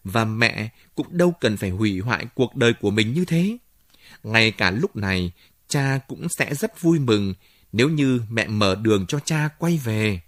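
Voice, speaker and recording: Male reader as a young lover in a storybook, earnest, firm, lively lilt. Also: lowish voice, a little slow, no room sound, studio quality. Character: cheerful, determined young man in love.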